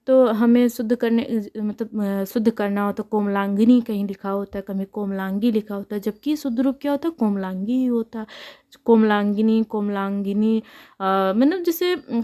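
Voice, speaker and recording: A woman's voice: a little high, warm tone. A young woman teaching a spelling lesson for exam preparation, patiently repeating each answer and asking it back to the viewer. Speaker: Hindi exam tutor. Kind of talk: spelling lesson explained while writing.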